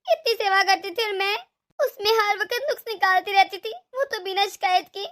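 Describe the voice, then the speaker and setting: A woman's voice: very high-pitched, a little fast, a bit bright. A woman voicing a remorseful older mother-in-law in a cartoon, pleading for forgiveness. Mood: regretful. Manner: tearful, pleading. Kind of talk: cartoon voice acting.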